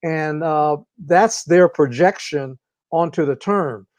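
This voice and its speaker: A man speaking as an interview guest, explaining ideas in a measured, deliberate way with long pauses. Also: a little high, darkish tone, no room sound. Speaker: interview guest, organizational consultant. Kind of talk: reflective conversational explanation.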